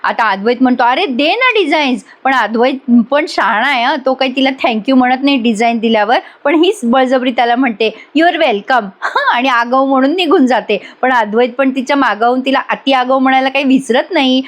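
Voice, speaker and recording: A woman's voice: high voice, fairly quick. A woman giving a chatty voice-over review of a TV serial episode, storytelling and addressing viewers directly.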